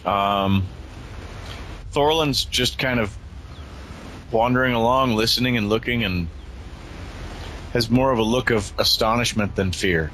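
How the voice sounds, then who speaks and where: A man's voice: mid-range voice, measured pace, long pauses, a bit bright. A man playing a tabletop game, talking casually as he describes his character. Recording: noisy room recording.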